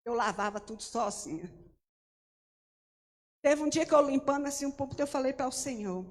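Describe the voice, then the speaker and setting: A woman preacher with a high, bright-pitched voice delivers a fervent testimony sermon, pressing her points and calling out to the congregation. Her words ring with a long reverb in a church hall. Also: lively intonation, brisk. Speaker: missionary preacher.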